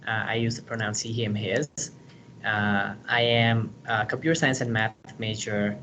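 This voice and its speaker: A man's voice: lowish voice, flat delivery, moderate pace, sharp tone, a little hiss or hum. A young man, a student panelist introducing himself hesitantly. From Nepal. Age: young adult. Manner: hesitant, many uhs.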